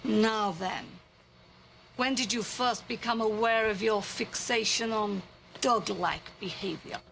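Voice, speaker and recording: Doctor Shrinkman, slow smug shrink. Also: medium pitch, vocal fry, fairly bright tone, slight background noise. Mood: soothing clinical. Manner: slow soothing hypnotist patter. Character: smug clinical stage psychiatrist, squeamish. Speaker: psychiatrist. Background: music underneath.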